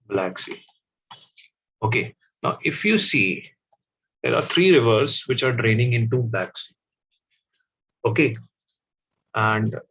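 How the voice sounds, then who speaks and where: A man teaching a class, explaining step by step and often pausing with fillers. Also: lowish voice, fairly bright tone, a little hiss or hum. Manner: slow, stop-start explaining with fillers. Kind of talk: classroom map lesson. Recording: dull, slightly lo-fi audio.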